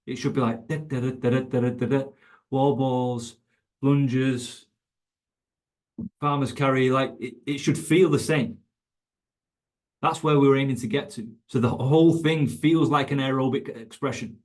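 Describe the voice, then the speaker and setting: At a measured pace and medium pitch, a man who educates fitness coaches leads an online webinar. His delivery is emphatic yet conversational, and he keeps restating the key ideas.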